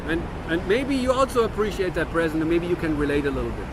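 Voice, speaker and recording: He's a vlogger from Germany, in his fifties, with a German-American accent, earnestly musing to camera and frequently starting over. Fairly high-pitched and fast, his speech comes through a noisy background.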